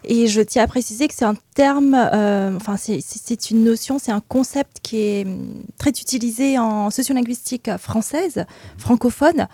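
A woman's voice: fairly high pitch, moderate pace, warm tone, breathy edge, no room sound. A woman, a guest researcher, explaining carefully and precisely in a casual chat.

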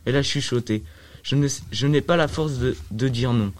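A man reading a first-person novel aloud in a measured, reflective way. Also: mid-range voice. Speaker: audiobook narrator. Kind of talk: first-person audiobook narration.

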